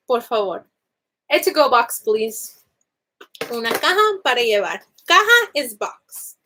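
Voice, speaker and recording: A young adult woman teaches simple Spanish phrases in a casual online class, chatty and animated, laughing often as her voice swoops between high and low notes. There's a little hiss or hum in the recording.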